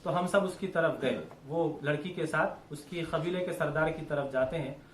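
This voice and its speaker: Man, religious teacher; patient repetitive explainer, fairly high pitch, roomy echo. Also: normal speed, a little hiss or hum. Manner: explains step by step, repeats and rephrases. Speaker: Quran teacher. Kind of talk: religious lesson. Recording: echoey room with faint ambience.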